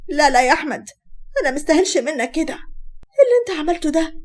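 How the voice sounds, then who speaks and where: A woman's voice: sits high, racing, voice pushed up, lightly acted. A woman with an Egyptian accent voicing a proud, middle-aged mother who scolds sharply. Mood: indignant.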